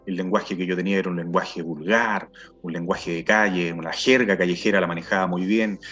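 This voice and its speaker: A middle-aged Chilean man telling his personal testimony in an earnest, halting way, often repeating words as he searches for them. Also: sits low, steady tone, a bit bright. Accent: Chilean Spanish. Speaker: testimony speaker. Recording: dull sound with faint music behind.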